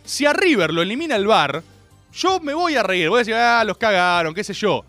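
High, animated Argentine man ranting. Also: no echo. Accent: Argentine Spanish. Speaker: radio show host. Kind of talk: comic rant monologue.

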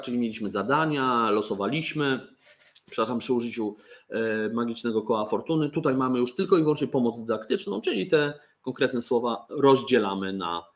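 A man casually presenting board games, joking and often restarting his sentences. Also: medium pitch. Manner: chatty, joking, with fillers and restarts. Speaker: toy company presenter.

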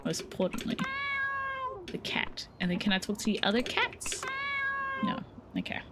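A woman streamer chatting excitedly as she plays a game live, reacting to everything on screen. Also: medium pitch, fairly quick, very noisy. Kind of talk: live gameplay commentary.

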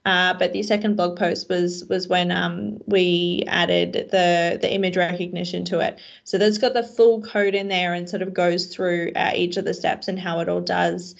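A woman's voice: lowish voice, little pitch movement, normal speed, vocal fry, few pauses. A woman presenting casually at an online meetup, chatty and self-deprecating, with plenty of fillers. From Australia. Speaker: co-presenter, web developer. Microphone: video call. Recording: slightly dull online call audio.

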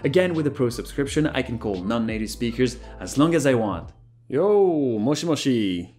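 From his living room, a man in his thirties from France chats on the phone and presents to camera while reviewing a language app for YouTube. He switches between languages, laughs a lot, and stays friendly and lively. His voice is medium-pitched and unhurried, with faint music in the background.

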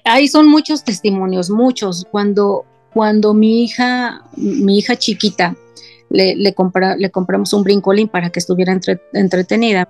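A woman's voice: medium pitch, vocal fry. A middle-aged woman, a guest in an interview, telling an emotional personal story and quoting her family as she goes. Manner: retells scenes by quoting family in her own voice.

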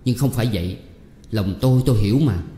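A man's voice: fairly low pitch, quick pace, dark tone, close to an everyday voice. A man voicing a young man who pleads in emotional outbursts, read as an audiobook character. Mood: pleading. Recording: echoey room with long reverb.

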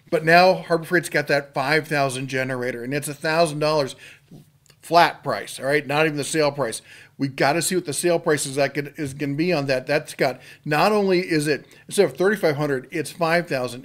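A middle-aged man hosting a tool channel, rambling through sale items in a folksy, casual way with lots of fillers and restarts. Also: a little high. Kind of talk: casual product rundown.

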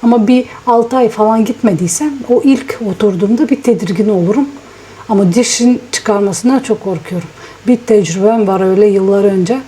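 A woman chatting casually to her viewers at home in a daily vlog, ill with a swollen sore throat and talking softly. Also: mid-range voice, a little fast, breathy edge. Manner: chatty, rambling, talks softly. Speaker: vlogger. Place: at home, indoors. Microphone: small vlogging microphone.

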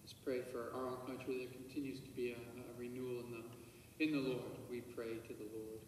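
The clip, taken by a distant camera in a large, reverberant church with faint hiss, captures a priest saying Mass at the altar. His voice is medium in pitch with a flat delivery. He recites the liturgy with measured solemnity and softly murmurs private prayers.

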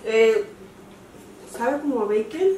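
A woman's voice: fairly high pitch, slow, dark tone. A middle-aged woman chatting casually in Spanish while eating, often with her mouth full. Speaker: host of a family mukbang video. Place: home kitchen table, indoors. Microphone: camera across the table. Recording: roomy, distant, noisy with sizzling food.

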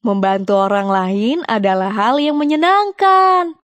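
An actor lightly acts as a cute, cheerful young panda presenting an educational children's cartoon, guiding toddlers with simple, encouraging phrases. The voice is medium-pitched, unhurried and fairly bright, recorded dry with music behind it.

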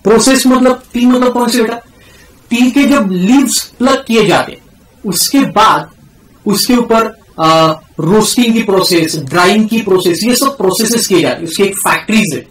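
A man with an Indian English accent giving a classroom lecture, switching between Hindi and English and slowing down to repeat key terms for his students. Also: high-pitched, fairly bright tone, roomy sound, rough recording. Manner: mixes Hindi and English, calls students "beta", drills key terms slowly. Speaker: tax teacher.

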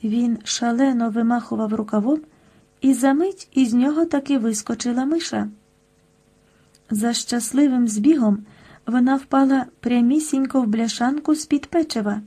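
A woman narrating a children's audiobook in a lively, expressive storytelling manner. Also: a little high, normal speed, husky.

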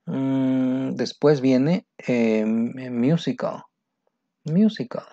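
An English teacher from Mexico goes over the answers to an exercise step by step, explaining patiently and saying each answer twice. He speaks a little slowly in a warm, medium-pitched voice, and the audio is dry and dull with no room sound.

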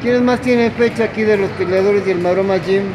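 A man, a boxing news reporter asking a trainer brisk questions off camera. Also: high voice, noisy background. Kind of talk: interviewer questions.

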